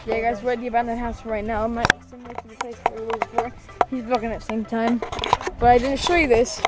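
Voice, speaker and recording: A woman vlogging casually, excitable and profane, often repeating her phrases. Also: a little high, fairly quick, low-quality recording. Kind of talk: casual handheld vlog. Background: music playing.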